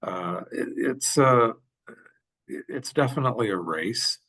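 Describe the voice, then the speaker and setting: A man giving a workshop over a video call, answering questions with halting speech and frequent fillers. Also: mid-range voice, expressive, bright, forceful tone. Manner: halting, many fillers and restarts. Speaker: workshop presenter. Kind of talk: webinar Q&A.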